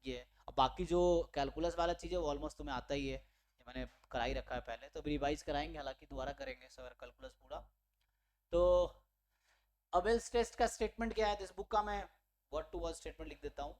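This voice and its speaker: A man from India with a voice on the high side gives an online maths lecture for exam preparation, speaking a little fast. He works through problems step by step, mixes in English terms, and checks in with his students.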